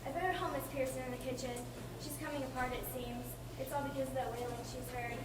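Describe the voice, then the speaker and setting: Actress doing scared jumpy lady, high voice, spooky stage play, far off w echo and noise. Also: steady tone, fast, close to an everyday voice. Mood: nervous. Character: nervous, easily frightened woman in a haunted house. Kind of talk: stage melodrama acting. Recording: echoey hall, distant mic, noise.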